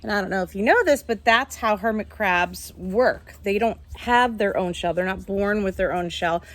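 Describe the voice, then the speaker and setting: A woman with a mid-range, slightly bright voice reads a picture book aloud to young children at a moderate pace. Speaking as their teacher, she explains things simply along the way and asks her small listeners easy questions.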